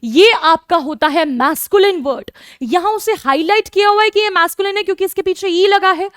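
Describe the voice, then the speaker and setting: A woman with an Indian accent teaching French to children, repeating each word slowly and explaining patiently. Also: very high voice, fairly bright tone, dry recording, clean studio sound. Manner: addresses pupils as kids, explains patiently. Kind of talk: online lesson in Hindi.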